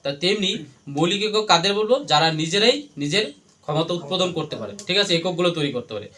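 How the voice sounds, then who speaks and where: A man's voice: sits high, expressive, fast, crowd noise. A man teaching a classroom, drilling his students with repeated questions and having them chant the answers back. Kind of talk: classroom lesson with call-and-response.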